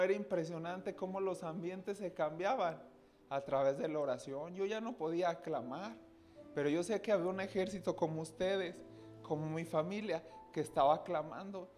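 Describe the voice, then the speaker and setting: Guy telling his church testimony, kinda high voice, soft music underneath, really earnest. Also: moderate pace. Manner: earnest, often addresses listeners as "hermano". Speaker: church speaker giving testimony. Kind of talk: personal testimony to a congregation.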